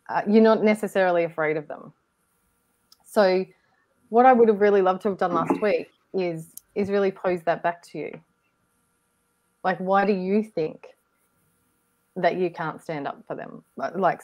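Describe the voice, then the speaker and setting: A woman co-hosting a casual online discussion, reflective and gently encouraging, often restarting her sentences. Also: lowish voice. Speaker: co-host. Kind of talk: casual group discussion on a video call.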